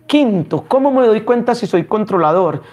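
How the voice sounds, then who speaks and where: Male preacher, sermon delivery, measured pace with pauses and repeated phrases. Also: high-pitched, animated, darkish tone.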